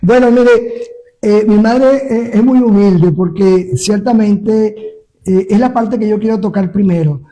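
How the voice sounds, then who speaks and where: A man with a strikingly high voice and a soft, dark tone leads a live-streamed radio program as pastor and host. He reads scripture with fervent emphasis and speaks warmly to listeners between passages. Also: a little slow, low-quality recording. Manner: preaching, emphatic scripture reading. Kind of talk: radio interview with sermon reading. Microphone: live stream via phone.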